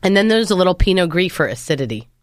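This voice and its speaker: A woman's voice: on the low side, very animated, quick pace. A woman hosting a wine segment in casual chat, upbeat and explaining plainly, a little congested from sinus trouble. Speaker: wine show host.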